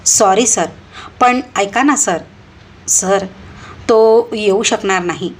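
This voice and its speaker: A woman's voice: medium pitch, slow, breathy edge. A woman reading aloud, voicing a grieving young man who speaks hesitantly and apologetically. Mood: somber.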